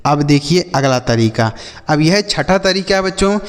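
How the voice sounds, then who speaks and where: A man's voice: on the high side, lively intonation, clear, resonant tone. Male teacher, Hindi accent, patient spelling drill, lingering reverb. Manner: spells words out slowly, asks and answers his own questions. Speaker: English teacher. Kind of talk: classroom lesson.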